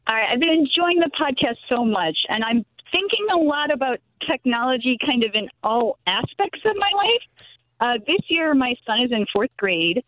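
A woman's voice: sits high, lively intonation, normal speed, no echo. Woman, radio show caller, phone line, tinny, friendly, chatty, 30s to 40s. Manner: friendly, chatty, laughs easily. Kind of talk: casual call-in question.

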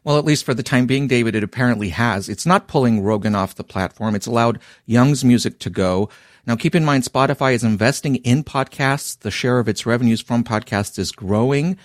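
A man's voice: medium pitch, a little fast, no room sound. Male news reporter, dry studio sound.

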